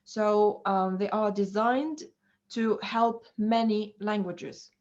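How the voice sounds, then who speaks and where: A woman teaching an English pronunciation lesson, speaking slowly and deliberately with many fillers. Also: medium pitch, steady tone, darkish tone. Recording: dull lo-fi recording.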